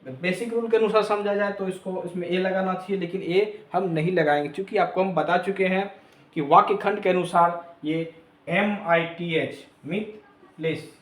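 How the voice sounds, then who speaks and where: A man's voice: sits high, fairly even intonation, moderate pace, echoey room. A man teaching a lesson, spelling letters out one by one. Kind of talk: classroom lesson.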